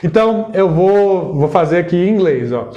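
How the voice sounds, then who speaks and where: A man's voice: high voice, moderate pace, lo-fi sound. A Brazilian man with a Brazilian Portuguese accent, a guest English teacher casually explaining differences between accents in an interview. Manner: switches between Portuguese and English examples, relaxed. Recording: echoey room.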